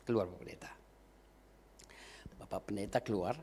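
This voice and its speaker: A man from Aceh preaching a sermon as a pastor, telling a personal story with deep feeling, going from hushed to shouting and addressing the congregation directly. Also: steady tone, brisk, a little hiss or hum. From Aceh, Indonesia.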